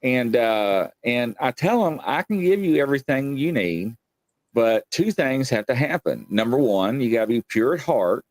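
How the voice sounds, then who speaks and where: In an echo-free recording, a man in his late forties hosts a laid-back show with rambling, folksy tales told emphatically, voicing each quoted exchange himself. His pitch is medium, his delivery animated, and his pace normal.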